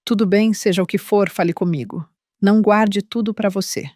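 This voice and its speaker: A calm, caring mother speaks warmly and slowly in a storybook reading, voiced by a woman narrator. Her soft, unhurried lines come through dry and close, with no room around them. The pitch sits at a middling level. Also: dry recording, lightly acted. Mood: gentle concern. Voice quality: warm and slow. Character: gentle calm mother of a grown daughter.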